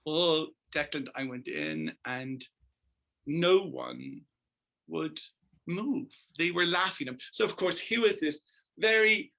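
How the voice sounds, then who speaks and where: A middle-aged man from Northern Ireland, a dancer and choreographer, telling stories as an interview guest in an animated, emphatic way. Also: on the high side, slow pace, vocal fry. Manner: animated, emphatic storyteller who keeps addressing the host by name. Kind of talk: storytelling interview.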